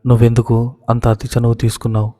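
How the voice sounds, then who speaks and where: A man voicing an angry, strict middle-aged father who shouts accusations. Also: medium pitch, completely flat delivery, fast talker, big-room sound, lightly acted. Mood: furious.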